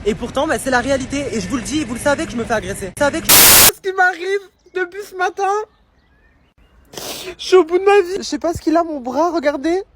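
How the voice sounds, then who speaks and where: High-voiced, expressive vlogger from France. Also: quick pace, a little hiss or hum. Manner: expressive, dramatic reactions, chatty. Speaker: social media creator. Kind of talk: casual vlog narration to camera.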